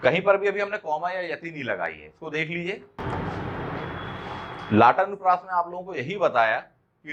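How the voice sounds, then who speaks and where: A man delivers an exam-prep lecture in a fairly high, bright voice. He explains patiently, often checks that students follow, and draws out example lines slowly. The recording is dull and lo-fi. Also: a little hiss or hum. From India. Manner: explanatory, checks understanding with questions. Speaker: teacher.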